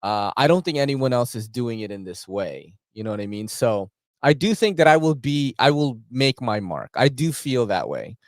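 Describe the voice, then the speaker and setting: A man's voice: medium pitch, very animated, normal speed, dry recording, clean studio sound. Laid-back slangy New man. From New York City. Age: 40s. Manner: rambling, laughing, slangy with frequent filler. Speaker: knife channel host. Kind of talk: casual livestream chat.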